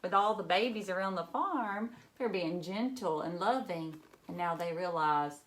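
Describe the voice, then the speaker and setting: A woman with a fairly low-pitched voice reads a kids' picture book at a moderate pace. She gives it plenty of expression and emphasis, turning to ask her young listeners questions and make little asides.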